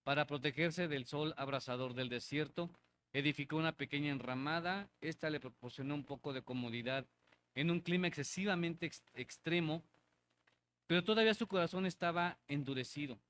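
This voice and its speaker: Man preaching with fairly high voice. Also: brisk, fairly bright tone, slight background noise. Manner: conversational, asks the congregation for agreement; repeats phrases for emphasis. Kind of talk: sermon. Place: church hall.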